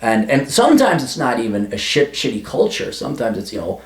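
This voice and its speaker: A very animated man with a medium-pitched voice talks a little fast, handing out emphatic, vulgar advice and swearing freely. He's an advice vlogger tackling a listener's letter in a blunt, profane monologue, with roomy echo in the recording.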